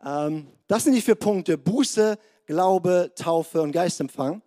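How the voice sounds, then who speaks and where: A man preaching a sermon in a lively, conversational way, acting out the biblical figures, his voice a bit strained this morning. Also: high voice, slow.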